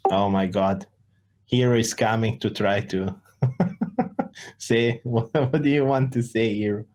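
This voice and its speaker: A man's voice: fairly low pitch, fairly even intonation, moderate pace, a little mellow. A man with an Italian accent hosting a casual community Q&A over a voice call, talking easily with frequent "uh" fillers. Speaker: project founder hosting a community Q&A. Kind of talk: casual voice-chat Q&A.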